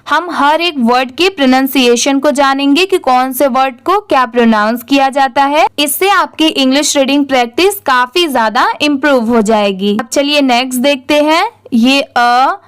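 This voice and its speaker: A woman teaching English reading, spelling words letter by letter and answering her own questions. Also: high voice. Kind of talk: slow spelling-out lesson.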